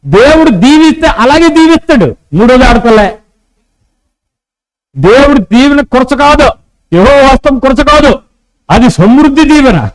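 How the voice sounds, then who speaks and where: A man's voice: animated, a little slow, pauses often, low-quality recording. A man preaching a sermon as pastor, urging the congregation to repeat his words to each other and acting out quoted conversations. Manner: preaching with call-and-response prompts to the congregation; acts out quoted dialogue in a lowered voice.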